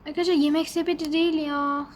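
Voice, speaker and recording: A woman's voice: sits high, little pitch movement, fast talker, slight background noise. A woman hosting a gaming channel, talking to her viewers in a fretful, rambling way as she plays. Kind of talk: casual gameplay commentary.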